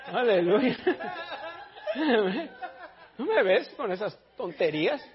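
A man's voice: high voice, big pitch swings, slow. A man preaching a blunt, teasing sermon in a church, calling out his congregation, in a dull lo-fi recording. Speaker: pastor.

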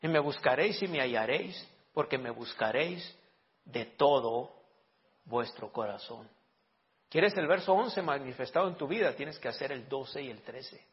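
A man's voice: medium pitch, normal speed. Pastor guy preaching, tosses in amens and questions to the room, kinda dull lo-fi audio. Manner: lively preaching with frequent amens and rhetorical questions. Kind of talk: sermon.

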